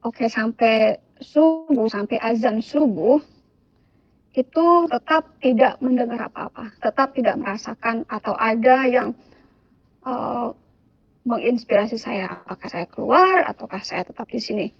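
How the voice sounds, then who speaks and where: A woman recounts her personal testimony in a frank, conversational way, with hesitations and bursts of casual slang. Her voice sits high. The recording is dull and lo-fi, with a dry, close sound. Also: measured pace, slightly rough, dry recording. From Jakarta. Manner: candid storytelling with fillers, slipping into casual slang when reenacting. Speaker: testimony speaker.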